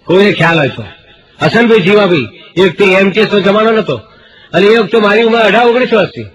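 Speaking fast in a high voice on a rough recording, a middle-aged Gujarati comedian from India performs storytelling stand-up to a live crowd. He animatedly impersonates the people in his jokes, drawing loud laughter from the audience.

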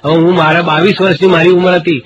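Middle-aged Gujarati comic with a high voice, animated storyteller, live crowd roaring behind. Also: male voice, fast talker, highs cut off. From Gujarat, India. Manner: animated, acts out quoted voices for jokes. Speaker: stand-up comedian. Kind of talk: stand-up comedy storytelling. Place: stage before a live audience. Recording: live show with loud crowd laughter.

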